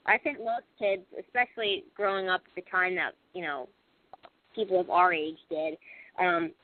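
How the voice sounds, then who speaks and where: A young woman from Pennsylvania, USA, a band singer guesting on a casual radio interview, rambles with plenty of "like" and "you know." Her voice is medium-pitched, with no room sound, on a lo-fi, phone-like radio recording.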